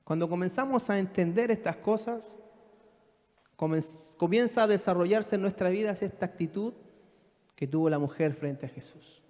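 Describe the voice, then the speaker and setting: A man's voice: high-pitched, moderate pace, dark tone. A man, a pastor preaching a sermon and firing rhetorical questions at his congregation. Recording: long reverb of a church hall.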